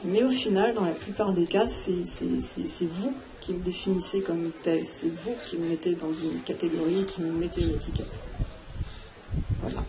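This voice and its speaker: A woman speaking on a live round-table panel, thinking aloud with many pauses and fillers. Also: on the low side, steady tone. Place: theatre hall. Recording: noisy live room recording.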